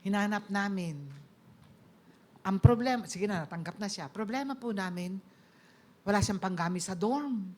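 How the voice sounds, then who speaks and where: A woman's voice: medium pitch, normal speed, pauses often, slight background noise. A middle-aged woman from the Philippines with a Filipino accent, giving a personal testimony sermon and politely addressing her audience as she mixes in English.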